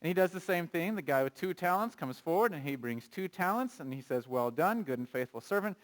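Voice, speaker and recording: A pastor preaching a sermon, conversational and animated, asking the congregation questions and reading scripture aloud. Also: male voice, a little high, a little fast.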